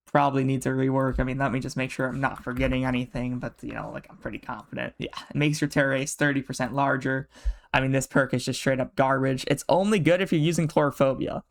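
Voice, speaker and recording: A young man streaming from his bedroom, chatting casually and quickly, rambling with lots of fillers and swearing. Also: medium pitch. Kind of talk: casual live-stream chat.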